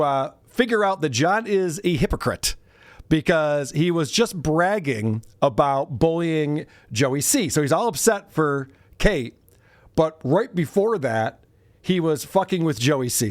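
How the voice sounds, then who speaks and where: A man's voice: fairly high pitch, animated, a little slow, no room sound. A man hosting a podcast, casually reading donation messages and mocking the clips he plays. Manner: sarcastic, mocking. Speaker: podcast host.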